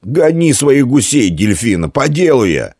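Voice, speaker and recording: A man voicing a sturdy, sleepy thirteen-year-old boy with a bass voice, talking gruffly and briefly. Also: sing-song, a little mellow, no echo, studio quality. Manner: slow, gruff, laconic.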